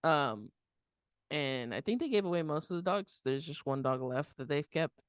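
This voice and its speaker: A man co-hosting a podcast, chatting casually with laid-back, drawn-out reactions. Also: a little high, lively intonation, clear, resonant tone, no room sound, clean studio sound. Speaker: podcast co-host.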